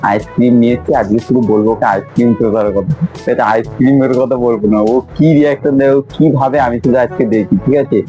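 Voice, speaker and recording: A man's voice: mid-range voice, steady tone, fairly quick, hardly any pauses, warm tone, soft background music. A man chats casually to viewers and teasingly pesters his wife in a home prank vlog. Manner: teasing, insistent, often laughing; talks to viewers, repeating "ঠিক আছে". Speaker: prank vlogger. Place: indoors at a home.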